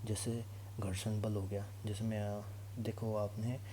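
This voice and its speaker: A male physics teacher with a low, mellow voice speaks slightly slowly and in a level tone to his exam class. His informal explanations come with regular questions to check comprehension. The recording carries distinct background noise and hum.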